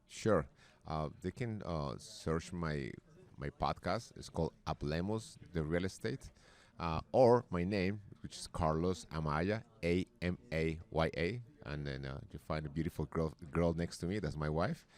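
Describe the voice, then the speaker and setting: Give me a very deep, low-pitched man with a Colombian accent, speaking haltingly as an interview guest. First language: Spanish. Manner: hesitant, often repeats and restarts words. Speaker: podcast guest. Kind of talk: casual interview talk.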